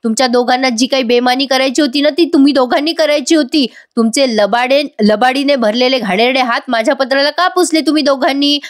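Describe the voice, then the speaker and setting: A woman's voice: sits high, a little fast, hardly any pauses, dry recording, clean studio sound, natural voice. Woman voicing an angry scolding mother. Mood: furious. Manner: scolding, indignant. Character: stern angry middle-aged mother scolding her son.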